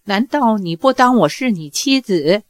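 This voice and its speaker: Brief: soft, trembling young swordswoman, read by a woman, slow and unhurried, dry close sound. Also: mid-range voice, lively intonation, no room sound, natural voice. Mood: anguished. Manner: soft, tremulous, reproachful. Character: aloof, emotional young swordswoman mistress. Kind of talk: audiobook character reading.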